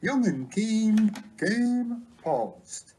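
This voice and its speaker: A bingo caller announcing numbers with traditional rhymes, each rhyme followed by the number in a lower, falling tone. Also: very animated, drawn-out words, mellow, breathy edge.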